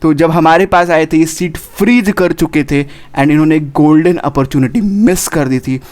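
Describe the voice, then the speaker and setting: A man's voice: a little high, normal speed, a little mellow. A young man giving admissions counselling advice, speaking urgently and repeating his warnings, with English words mixed into his Hindi. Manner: urgent, repetitive, warns directly, drops English words into Hindi.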